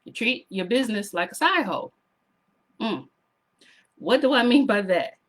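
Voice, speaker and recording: A slightly hoarse woman gives sassy, animated motivational business advice straight to her viewers, often asking them to drop a comment. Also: on the high side, measured pace. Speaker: online business coach. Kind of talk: motivational vlog talk to camera.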